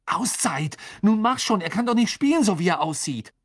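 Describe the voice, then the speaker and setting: A man voicing an excitable teenage boy in an audiobook, shouting loudly over a crowd. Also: sits high, normal speed, breathy edge, dry recording, studio quality, pitched above the performer's own voice.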